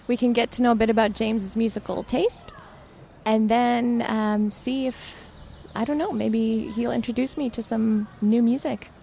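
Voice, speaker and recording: Podcast host: female, higher voice with noticeable vocal fry, informal delivery, some background noise. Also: steady tone, moderate pace, mellow. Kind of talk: casual chat.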